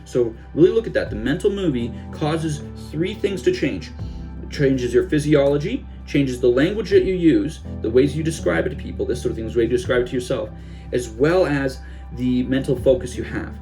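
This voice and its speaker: A man's voice: mid-range voice, lively intonation, moderate pace, dark tone, faint music behind. A young man, a self-help coach, giving a casual instructional talk and now and then dropping into gloomy voices of the listener's thoughts.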